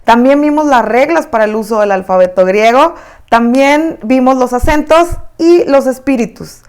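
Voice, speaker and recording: A woman with a Mexican accent narrating a recorded online lesson, explaining terms step by step at a steady pace. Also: high voice, moderate pace, clear, resonant tone. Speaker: teacher.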